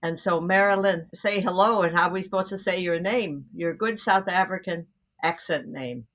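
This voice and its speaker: A woman's voice: on the low side, moderate pace, a bit bright. Rambling older woman co-host. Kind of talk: casual conversation.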